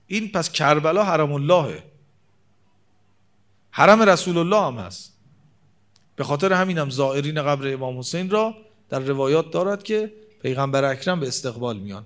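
A man preaching a religious sermon from the pulpit. He slows right down to quote scripture and swings between raised and hushed delivery. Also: a little high.

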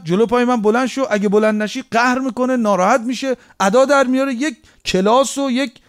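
A man preaching a sermon, pressing the listener with rhetorical questions and dropping from raised reproach to quiet, low stretches.

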